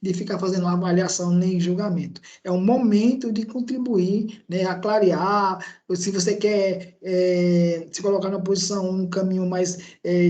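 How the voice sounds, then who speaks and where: A man's voice: high voice, darkish tone. A man with a Brazilian accent giving an online lecture as an instructor. He talks in a conversational way, with frequent tag questions and hesitations. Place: indoor room at a laptop. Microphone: laptop microphone.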